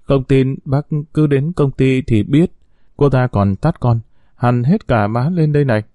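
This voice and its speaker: A man's voice: mid-range voice, a little slow, warm tone, dry recording, studio quality, close to an everyday voice. A man reading a storybook as a scheming young female secretary who whines and complains tearfully. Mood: whining.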